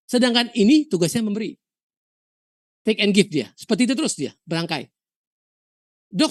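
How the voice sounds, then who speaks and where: A woman from Indonesia teaching a university histology lecture, telling lively stories, asking rhetorical questions and dropping in English terms. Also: mid-range voice, dry recording, clean studio sound. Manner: mixes English terms into explanation.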